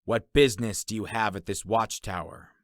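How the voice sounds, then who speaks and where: A stern, wary male warrior, formal and guarded in speech, as a male narrator puts him on. The voice is fairly low, and the dry storybook recording has no room. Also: fairly even intonation, normal speed, no echo, lightly acted.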